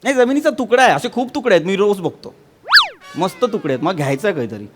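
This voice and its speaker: A man's voice: high voice, expressive, quick pace, loud music behind the voice. Whiny, pleading Marathi comic man. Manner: whiny, pleading, repeats "baba". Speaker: comic actor in a sketch. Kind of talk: stage comedy sketch. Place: television studio stage.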